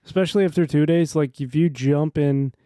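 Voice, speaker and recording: Mellow-voiced man, halting and casual. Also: on the high side, no echo, studio quality. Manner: halting, many restarts and fillers. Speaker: podcast guest. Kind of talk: casual chat.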